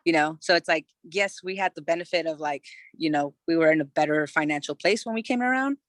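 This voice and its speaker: Deep-voiced and fairly quick, this woman in her thirties from California is recorded with no room sound. She's a podcast guest candidly recounting her life in conversation, with plenty of "you know" fillers and casual swearing.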